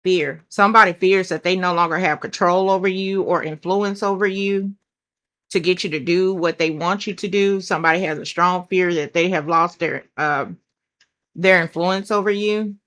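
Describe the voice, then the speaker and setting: A woman's voice: on the low side, steady tone, moderate pace, fairly bright tone. A woman with a country accent giving a casual tarot reading, chatty and blunt, thinking aloud over the cards and calling her viewers child and baby. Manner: swears casually. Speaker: tarot reader.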